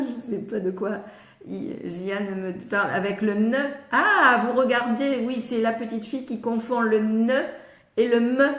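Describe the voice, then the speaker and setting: An older woman with a French accent, a speech therapist answering live questions, patiently sounding out letters and syllables and pausing often to read viewers' questions. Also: fairly high pitch, roomy sound. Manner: reads viewers' questions aloud, frequent hesitations. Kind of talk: live Q&A teaching.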